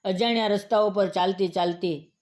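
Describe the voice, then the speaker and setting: Man, high voice, storybook narrator, solemn, even-paced, scripted reading. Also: normal speed.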